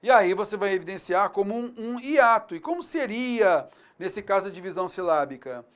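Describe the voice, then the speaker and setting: A teacher with a Brazilian Portuguese accent records a grammar lesson for students. He speaks right to the learner and keeps checking in with quick questions. He stretches each example word out slowly, then goes back to a brisk, friendly pace. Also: medium pitch. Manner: lively, talks straight to the student, checks in with filler words; stretches words slowly when he models them.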